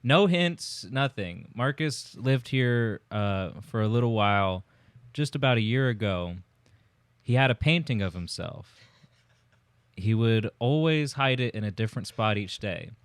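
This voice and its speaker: Young man, low voice, smooth and resonant, dry close sound, casual podcast storytelling. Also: lively intonation, measured pace, dry recording. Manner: storytelling, laid-back, swears casually. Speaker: podcast co-host. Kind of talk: casual chat. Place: shared house.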